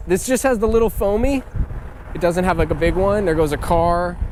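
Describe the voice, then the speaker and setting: A man's voice: high voice, expressive, normal speed. A man doing a casual vlog while riding along a street, projecting his voice over wind and passing cars and often asking short questions. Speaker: vlogger reviewing audio gear. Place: outdoors beside a neighborhood street, moving on an electric board. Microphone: action camera, small clip-on and external mics. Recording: wind and traffic noise on action-camera and small mics.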